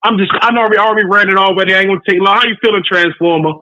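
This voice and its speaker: A bright, high-voiced male caller comes through a muffled phone line that keeps breaking up into choppy, robotic glitches. He talks in a fired-up, needling way, with no room sound around him. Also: steady tone, very fast. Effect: call breaking up, choppy robotic glitching. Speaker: call-in listener. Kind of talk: casual sports trash talk.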